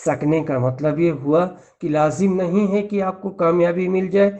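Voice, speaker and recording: High-pitched male preacher with an earnest, admonishing delivery, captured on a dull lo-fi recording. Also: fairly even intonation, mellow. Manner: earnest, admonishing, repeats lists. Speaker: Islamic preacher. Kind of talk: religious lecture in numbered points.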